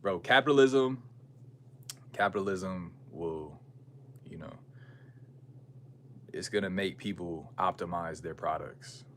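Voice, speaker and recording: A man's voice: deep voice, takes it slowly, pauses often. An American man in a casual livestream chat, musing aloud in slangy, conversational talk as he answers viewers. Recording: clear background noise and ambience.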